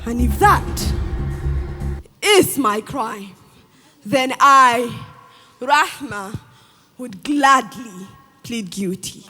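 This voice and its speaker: A woman contestant performing spoken word poetry on a live stage, dramatic and sing-song, rising to shouts. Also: on the high side, expressive, very slow, long pauses, breathy edge. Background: music.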